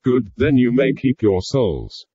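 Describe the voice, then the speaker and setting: A man voicing a polite male robot butler possessed by a demon, formal and deadpan. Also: medium pitch, a little slow, slightly rough, dry recording, full character voice. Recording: dull, lo-fi, dry.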